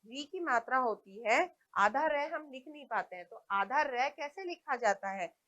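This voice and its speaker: A woman's voice: high voice, expressive, a bit bright, dull audio. A woman teaching a primary school lesson, patient, asking questions and pointing out examples. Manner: patient, explains slowly and asks questions; points at the book as she talks.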